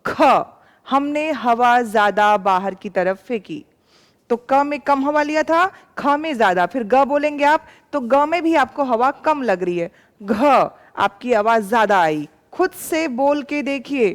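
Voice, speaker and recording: High-voiced woman teacher, echoey hall. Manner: patient and explanatory, sounding out letters slowly; addresses students as "beta". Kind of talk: classroom lecture for exam students.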